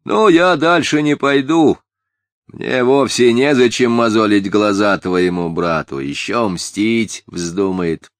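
A man voicing a self-important small village boy who speaks slowly and gravely, as if much older. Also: lowish voice, dry recording, studio quality, voice pushed up. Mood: solemn. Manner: measured, lordly, unhurried.

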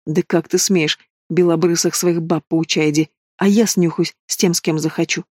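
A man's voice: fairly high pitch, steady tone, normal speed, no room sound, studio quality, natural voice. A man voicing a frightened but defiant young pregnant woman in an audiobook. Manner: sharp and defiant.

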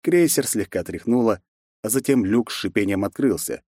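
Man narrating a novel, harsh and forceful. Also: on the low side, lively intonation, moderate pace, no echo, studio quality. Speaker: audiobook narrator. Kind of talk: first-person novel reading.

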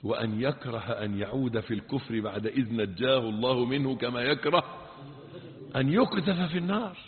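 A man with an Egyptian accent preaching a sermon, emphatic and full of rhetorical questions, moving between forceful and hushed delivery. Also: medium pitch, brisk. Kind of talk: sermon mixing colloquial and classical Arabic. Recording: tinny, phone-like sound with long hall reverb.

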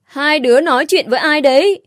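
A woman's voice: sits high, fairly quick, no room sound, clean studio sound, voice pushed up, close to an everyday voice. A woman voicing a grown woman inside the house who calls the children in during a storybook reading. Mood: calling. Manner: loud calling from indoors.

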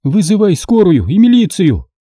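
A man's voice: high voice, very animated, normal speed, warm tone, breathy edge, no echo, studio quality, voice pushed up, exaggerated voice. A male reader voicing a furious, bossy young woman in pain who scolds and gives orders sharply. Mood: scolding.

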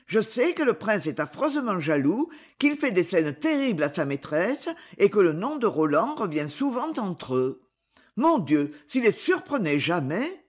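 Reader doing an anguished wife for an audiobook: lively pitch, slightly husky. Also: measured pace. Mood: distressed. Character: anguished wife, a woman afraid for her husband. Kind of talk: audiobook dialogue.

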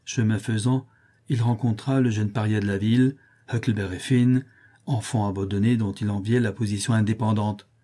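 A man reading a classic novel aloud as an audiobook narrator, in a measured storytelling manner. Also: on the low side, fairly even intonation, warm tone. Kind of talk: scripted narration.

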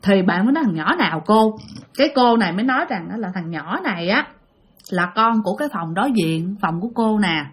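A woman's voice: mid-range voice, fast. Lady telling a ghost story, chatty, voice jumps all over. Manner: animated, conversational, addresses listeners.

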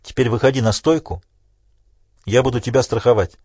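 A man's voice: medium pitch, fairly even intonation, brisk, darkish tone, slightly rough, no room sound, studio quality, natural voice. A man voicing a tough male climber who speaks in short, curt commands. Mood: commanding. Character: tough male climber giving terse orders.

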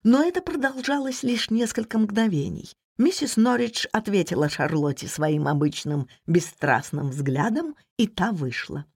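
A woman narrating an audiobook in a measured, expressive reading. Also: mid-range voice, husky, no room sound, studio quality. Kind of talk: scripted narration.

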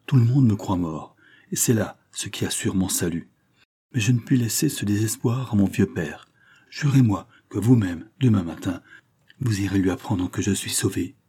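A passionate young nobleman in a classic audiobook, voiced by the male reader. His deep, husky voice rises as he declaims, dark in tone and full of feeling. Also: moderate pace. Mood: solemn. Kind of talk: audiobook reading of a classic novel.

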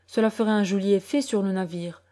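A woman voicing an anxious, sharp-tongued middle-aged mother who talks in an urgent, scolding way. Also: mid-range voice, fairly even intonation, a little fast, close to an everyday voice.

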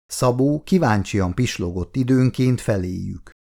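A man's voice: medium pitch, animated, vocal fry, dark tone. A man reading a novel aloud as narrator. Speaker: audiobook reader. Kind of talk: storybook narration.

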